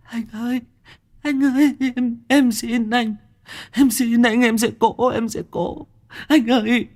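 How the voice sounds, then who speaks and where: A man voicing a terrified fat young man who begs and sobs in a high voice. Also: steady tone, slow pace, darkish tone. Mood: begging. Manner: sobbing, begging.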